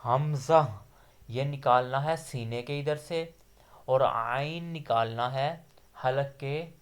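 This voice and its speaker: A man's voice: medium pitch, smooth. A man teaching a Quran recitation class with a Pakistani Urdu accent, patiently explaining each letter sound and drawing out the examples. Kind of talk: slow explanatory lesson.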